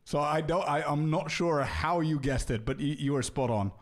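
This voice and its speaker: A young man with a fairly high voice chats at a moderate pace while streaming a video game, answering viewers casually. He's loose and friendly, calling them bro frequently and repeating himself as he thinks out loud.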